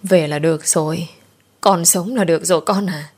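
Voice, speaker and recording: A woman's voice: fairly low pitch, moderate pace, a little mellow, slightly rough. A woman voicing an older rural father who speaks hesitantly, his voice choked with emotion, in a storybook reading.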